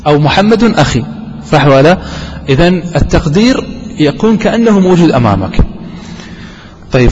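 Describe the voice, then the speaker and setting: A man's voice: on the high side, a little mellow, slight background noise. A man teaching a grammar lesson to a class, explaining step by step and often quizzing his students. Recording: dull lo-fi hall recording.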